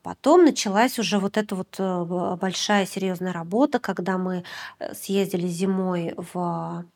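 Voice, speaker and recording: A woman's voice: on the low side, fairly even intonation, moderate pace, darkish tone. A woman documentary director from Yakutia, talking through her work in a podcast interview, reflective and full of hesitations. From Yakutia, Russia. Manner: reflective, hesitant, many filler sounds.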